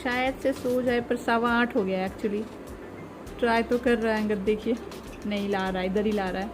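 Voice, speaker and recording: Young female home vlogger, high voice, chatty running commentary. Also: fairly even intonation, normal speed, music in the background. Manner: chatty, narrates events to the viewers. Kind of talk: casual home vlog chat. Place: home balcony at night.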